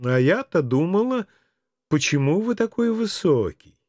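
A cool young woman journalist, as a male reader puts her on, drawling and lightly teasing, her words slow and unhurried. She sounds close and dry. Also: sits high, big pitch swings, a little mellow, dry recording, voice pushed up, full character voice.

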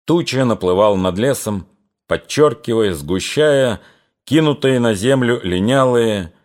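A man narrating a literary novel in a measured, even reading. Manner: measured, even reading that drops lower and quieter in somber passages. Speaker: audiobook narrator.

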